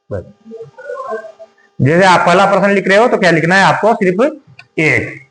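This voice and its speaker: High-voiced teacher in an echoey room. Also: male voice, fairly bright tone. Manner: repetitive, rhetorical questions. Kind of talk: exam tips lesson.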